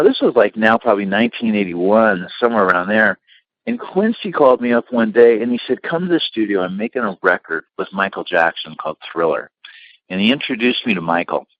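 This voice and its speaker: A middle-aged man, founder of a limousine company, telling long anecdotes with lots of fillers in a relaxed interview. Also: mid-range voice, no echo, dull audio. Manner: rambling anecdotes with many fillers.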